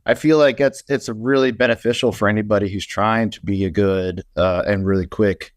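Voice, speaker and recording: A man, an audio engineer chatting as an interview guest in a relaxed, rambling way. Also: fairly low pitch, moderate pace, dry recording, clean studio sound. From Indiana. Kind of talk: casual interview chat.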